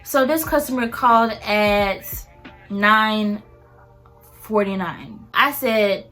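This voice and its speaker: Young woman venting about customers, lively, does little voices, music low in the back. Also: takes it slowly. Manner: animated, mimics customers in higher voices. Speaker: vlogger and fast food worker. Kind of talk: casual storytime rant.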